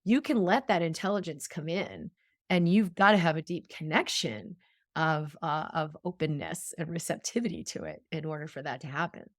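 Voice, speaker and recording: A middle-aged woman with a fairly low voice speaks as an interview guest, telling stories in an earnest, flowing way. The recording is dry and close. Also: normal speed, no room sound. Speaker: guest, physician. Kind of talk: conversational interview.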